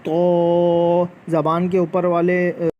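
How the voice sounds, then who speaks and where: A man teaching Quran letter pronunciation, patiently explaining and repeating each letter slowly to demonstrate. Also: high-pitched, completely flat delivery, muffled recording. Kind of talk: slow spoken tajweed lesson with drawn-out letter demonstrations.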